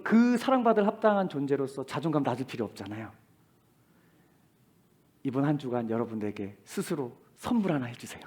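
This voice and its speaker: A male pastor delivering a sermon in a church, swinging between loud exclamations and hushed whispers. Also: medium pitch. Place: church sanctuary.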